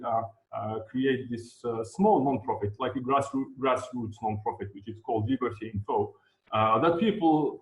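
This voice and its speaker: A man from Algeria, an activist guest speaking in a live online interview, halting with many fillers and repeated words. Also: medium pitch. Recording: echoey, dull lo-fi remote audio.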